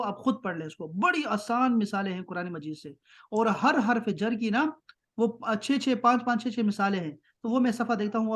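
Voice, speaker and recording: A man teaching an online grammar class. He keeps checking that students follow and slows right down to spell out terms. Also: high voice. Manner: patient, keeps checking with "ٹھیک ہے؟".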